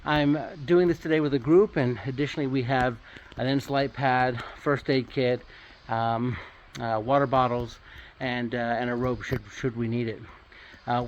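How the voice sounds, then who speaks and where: A man's voice: medium pitch, dull audio. Man guiding a caving trip, faint background noise. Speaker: caving guide and vlog host. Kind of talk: informal guided-tour narration to camera.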